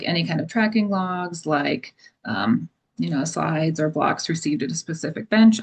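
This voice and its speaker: A woman presenting software in a webinar, explaining features casually with many fillers. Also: on the low side. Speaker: product presenter. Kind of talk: webinar demo and Q&A.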